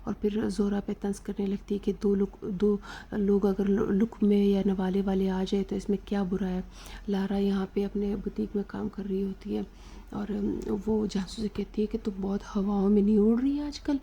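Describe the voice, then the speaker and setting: A woman narrating an episode recap of a drama, retelling the plot with fillers and pauses. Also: medium pitch, level tone, dark tone, husky, lo-fi sound.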